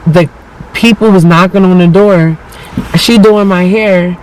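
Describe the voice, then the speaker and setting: A man casually telling personal stories in animated, profane, slangy talk, acting out what people said. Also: sits high, a little slow, slight background noise, poor audio. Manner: animated, profane, slangy, acts out quoted speech. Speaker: storyteller.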